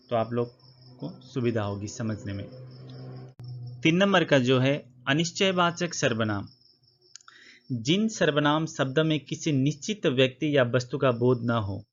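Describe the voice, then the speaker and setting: A man's voice: medium pitch, a little hiss or hum. Man teaching a grammar lesson, lo-fi. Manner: explains step by step, repeats points, asks and answers his own questions. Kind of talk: classroom-style grammar lesson. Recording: slightly dull lo-fi recording.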